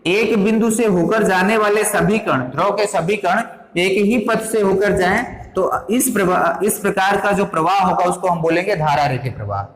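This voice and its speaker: A man teaching a lesson in a high voice, explaining patiently one step at a time. He keeps stopping to ask whether his students have understood. The sound is echoey, as if captured in a bare room with a long ring. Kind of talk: classroom physics lesson.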